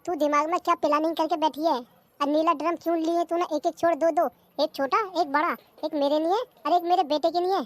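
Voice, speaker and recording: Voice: extremely high pitch, fairly even intonation, brisk. A voice actor playing a suspicious, fearful old village mother-in-law in a comedy cartoon, speaking with a rural Hindi accent. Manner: suspicious, fretful, muttering asides.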